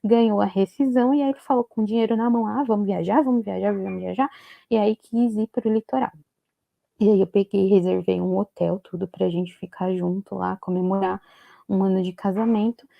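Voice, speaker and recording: A woman with a Brazilian Portuguese accent giving an emotional personal testimony as a guest, halting, with many restarts and tag questions. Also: mid-range voice, fairly even intonation, vocal fry, dry recording, dull audio. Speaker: guest telling her story.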